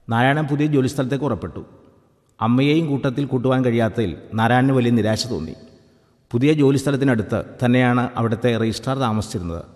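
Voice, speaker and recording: A man reading a story aloud in a calm, even storytelling manner. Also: mid-range voice, in a large hall. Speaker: narrator. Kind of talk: scripted story narration.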